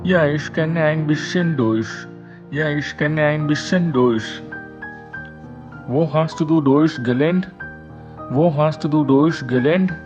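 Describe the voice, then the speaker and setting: A man with a somewhat high voice leads a beginner language lesson, speaking at a very slow, deliberate pace. He says each line of a simple dialogue twice so learners can follow and repeat. Faint instrumental music plays underneath. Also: dull audio. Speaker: German language teacher.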